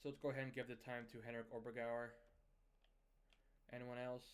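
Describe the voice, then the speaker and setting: A young man giving casual play-by-play commentary over a hockey management video game, recapping scores and lineup moves in a steady, conversational way. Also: medium pitch, a little fast, smooth.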